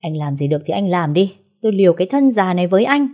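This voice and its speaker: A woman's voice: lowish voice, lively intonation, quick pace, darkish tone. A woman voicing an indignant elderly father who scolds his son-in-law. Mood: stern. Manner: stern and breathless with anger.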